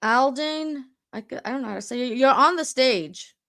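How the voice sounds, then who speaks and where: A middle-aged woman hosts a live call-in debate. She questions callers pointedly, and her speaking voice sits a little on the high side. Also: normal speed, a bit bright. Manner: challenging, questioning. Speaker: call-in show host.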